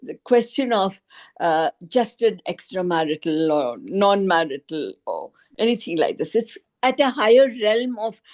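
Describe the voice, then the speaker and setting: Her mid-range voice is sing-song and a little mellow as she speaks at a measured pace in a book club's informal video call. The woman hesitates often and gropes for her words as a participant in the group.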